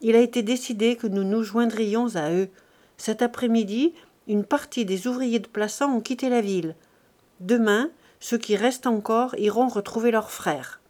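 A woman's voice: a little high, moderate pace, darkish tone, lightly acted. A woman reading aloud voices an earnest, idealistic young man in a storybook, speaking with emphasis.

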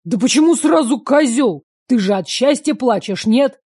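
A woman voicing a blunt, gruff young man, speaking curtly and roughly. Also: on the high side, lively intonation, moderate pace, a little mellow, no room sound, studio quality. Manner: curt, rough-spoken.

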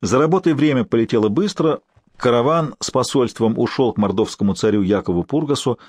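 Husky male audiobook narrator. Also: mid-range voice, a little fast, dry recording, studio quality. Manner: steady storytelling. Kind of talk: scripted narration.

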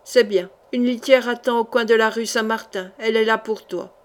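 A cold, scheming queen issues clipped orders, as a woman reads her lines in an audiobook. The voice is fairly high and commanding. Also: steady tone, moderate pace, lightly acted.

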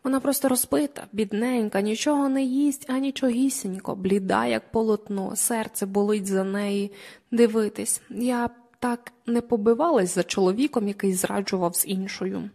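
A woman's voice: mid-range voice, fairly even intonation, moderate pace, warm tone, lightly acted. A woman reading as a gossipy housemaid. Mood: pitying. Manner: gossipy, sorrowful. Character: chatty, sympathetic female housemaid.

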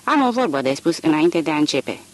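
A man's voice: a little high, sing-song. A man voicing an angry, contemptuous middle-aged farm wife who scolds coldly and furiously. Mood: furious scolding.

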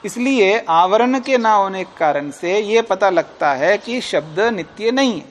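A man teaching a class on a classical philosophy text. He reads Sanskrit lines slowly, explains them in plain terms, and asks the class questions that he then answers himself. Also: high-pitched, expressive, slight background noise.

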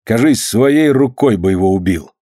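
A man's voice: on the low side, expressive, normal speed, warm tone, dry recording, studio quality. A man reading the part of a proud old-Russian boyar in an audiobook, speaking in a grave, archaic, indignant way. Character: proud, angry middle-aged old-Russian boyar lord.

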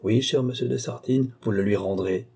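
A man voicing a cool, mocking count and sorcerer in an audiobook, calm and commanding. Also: on the low side, moderate pace, gravelly, slightly rough.

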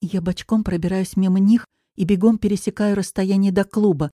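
A woman narrating a first-person audiobook in an expressive, dramatic reading, recorded on a close mic. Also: medium pitch, fairly quick, no room sound.

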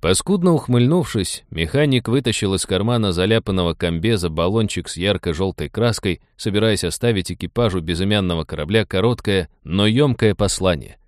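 A man narrating a science fiction audiobook in a wry, even storytelling manner. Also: sits low, a little fast, few pauses, no echo, studio quality. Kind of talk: scripted narration.

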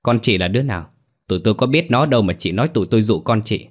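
A man voicing a fierce older woman who runs a theater troupe, scolding loudly and fast. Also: on the low side, lively intonation. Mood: furious. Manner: bossy, yelling, rapid scolding.

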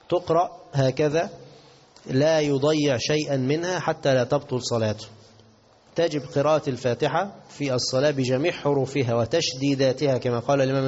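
An Egyptian man giving a religious lesson in a mosque, reciting slowly and carefully, then explaining in quick asides. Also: mid-range voice, a little mellow. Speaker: mosque teacher. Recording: dull lo-fi lecture recording.

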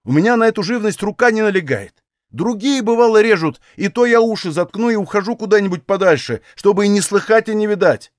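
A stubborn young Cossack, as a male reader puts him on, blunt and coolly defiant, talking in plain rural speech. His tone moves up and down with lively turns. The sound is close and dry. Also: sits high, fairly quick, no room sound.

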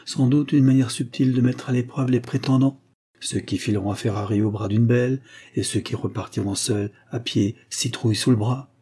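A man's voice: mid-range voice, normal speed, warm tone, husky, lightly acted. A man reading an audiobook, voicing a witty, teasing young male count in playful, ironic banter.

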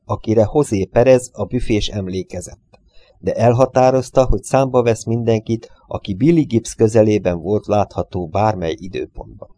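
Deep, mellow male audiobook narrator. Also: no echo.

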